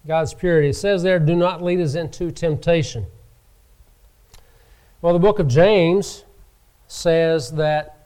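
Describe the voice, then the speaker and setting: Male pastor, sermon, slow deliberate delivery, fairly high voice, emphatic swells. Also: a little mellow, clean tone. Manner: slow, emphatic preaching with dramatic rises in pitch and volume.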